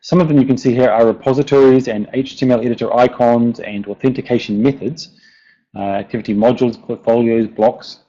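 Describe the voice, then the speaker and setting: A little fast and fairly even in intonation, this man has a warm, mid-range voice and a broad New Zealand accent. As a software developer, he gives a casual technical presentation full of hesitations and repeated words. The online recording is dull and lo-fi.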